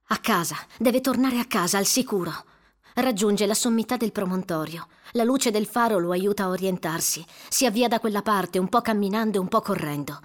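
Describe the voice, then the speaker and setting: Woman narrating a suspenseful audiobook. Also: medium pitch. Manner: suspenseful, measured storytelling.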